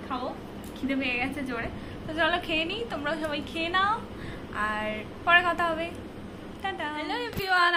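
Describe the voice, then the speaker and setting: A young woman, chatting straight to her viewers as she records a casual home vlog. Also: sits high. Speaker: vlogger. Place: at home, indoors and outdoors. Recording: noisy home phone recording.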